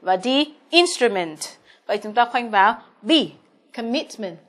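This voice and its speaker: A woman's voice: medium pitch, expressive, moderate pace, a bit bright. A young adult woman teaching English exam answers, speaking Vietnamese and English words with a Vietnamese accent, patient and often checking in with her students. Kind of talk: exam answer walkthrough lesson.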